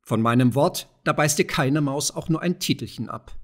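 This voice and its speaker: A man's voice: on the high side, moderate pace, lightly acted. A man voicing a fat, proud, wealthy old farmer who talks in a blustering, mocking way.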